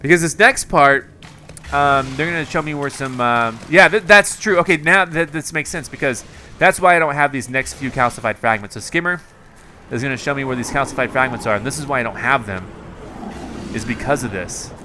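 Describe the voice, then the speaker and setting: A young man talks loosely over his gameplay footage, rambling and laughing at his own mistakes. He sometimes breaks into excited yelps, and a layer of noisy game sound runs under his voice. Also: mid-range voice, brisk. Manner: self-mocking, rambling, bursts of excited yelling. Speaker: gaming commentator. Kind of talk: casual gameplay commentary.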